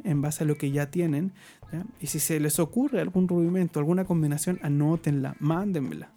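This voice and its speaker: A man's voice: fairly high pitch, dark tone. A man teaching drum rudiments, explaining patiently and checking in with his viewers. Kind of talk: online drum lesson.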